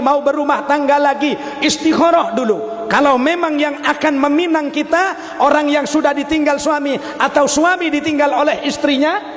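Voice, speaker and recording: A middle-aged man giving a humorous sermon, telling stories and chanting lists in a drawn-out singsong. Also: very high voice. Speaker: preacher. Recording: reverberant hall, faint background noise.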